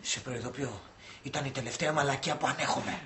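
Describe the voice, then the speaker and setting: An actor playing a fed-up young man who scolds and throws out his flatmate in a sitcom. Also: medium pitch, slight background noise, natural voice. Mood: hushed warning. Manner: scolding, explosive shouts. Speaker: angry flatmate. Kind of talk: sitcom acting.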